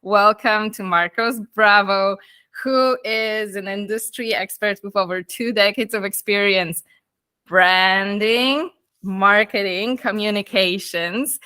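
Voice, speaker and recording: Female podcast host, upbeat and chatty, bright tone, dry close recording. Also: medium pitch, slow, clear, resonant tone, dry recording. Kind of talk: interview hosting.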